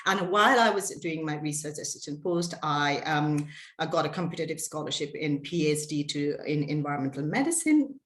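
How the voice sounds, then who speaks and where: A woman from Nepal in her forties gives a seminar over a video call. Her voice sits low, and she talks in a chatty way, full of fillers and restarts. The sound is roomy and echoey. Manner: chatty, warm storytelling with many fillers and restarts. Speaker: senior lecturer giving a seminar talk. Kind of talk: online seminar presentation.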